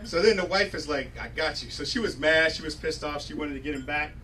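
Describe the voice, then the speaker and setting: A man performing a stand-up comedy set on a club stage, talking in a loose, conversational, rambling way. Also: a little high. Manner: conversational, rambling delivery with quick asides. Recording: distant, noisy club recording with laughing crowd. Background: audience laughter and loud room noise.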